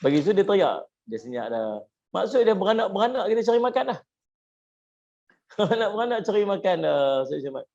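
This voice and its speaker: A man's voice: high-pitched, sing-song, fairly quick, gravelly, a little mellow. A man giving a humorous religious lecture, asking the audience questions. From Malaysia. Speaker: preacher. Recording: muffled lo-fi lecture recording.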